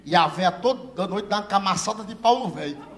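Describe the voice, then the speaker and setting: A comedian playing a neighbor who calmly explains things in a lowered voice. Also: male voice, a little fast, a faint crowd. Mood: explaining. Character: neighbor man, calm and explaining.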